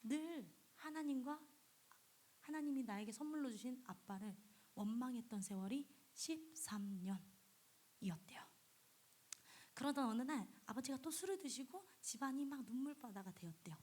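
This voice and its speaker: A woman preaching to a high school youth group, telling a story softly and often dropping into a whisper. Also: lively intonation, moderate pace, husky. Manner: storytelling with soft, whispery passages, voicing quoted prayers. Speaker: youth pastor. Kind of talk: youth sermon.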